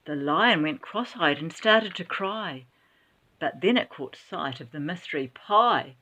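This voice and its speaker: A woman reading a rhyming children's story aloud in an expressive, dramatic way, with exclamations. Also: low-pitched, a little slow.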